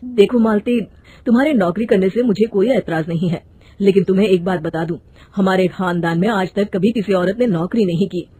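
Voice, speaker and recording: A woman's voice: mid-range voice, fairly even intonation, brisk, a little hiss or hum, lightly acted. A woman voicing a mild, agreeable young husband in a cartoon story. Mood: calm. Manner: gentle, reasonable.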